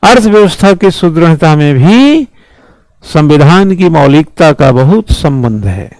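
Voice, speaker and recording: A high-voiced man teaches a civil services exam-prep class, hammering points home with rhetorical questions and repeated slogans. He is expressive, unhurried, emphatic, and a little mellow, recorded close and dry with no room echo.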